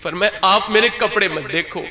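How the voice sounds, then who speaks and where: High-voiced impassioned male preacher. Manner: emotional, swelling to tearful pleading. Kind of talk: impassioned religious sermon. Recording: crowd of listeners behind.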